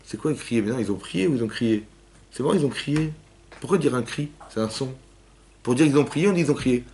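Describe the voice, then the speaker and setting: Guy teaching a class, keeps asking questions, acts out cries and quotes, mid pitch. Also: animated, a little fast, a little mellow. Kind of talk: lively torah class, questioning students. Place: synagogue hall with young women students.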